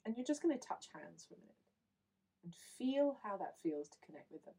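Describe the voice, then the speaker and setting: A woman leading a guided visualization in a slow, soothing, instructive way. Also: fairly high pitch, very animated, mellow, breathy edge. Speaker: meditation guide.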